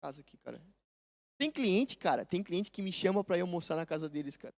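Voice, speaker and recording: A man's voice: sits high, a little fast, no echo, studio quality. A man with a Brazilian Portuguese accent, a chef guest chatting and telling stories with lots of slang. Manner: lively storyteller, fills his talk with "cara" and "brother". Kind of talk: casual conversation.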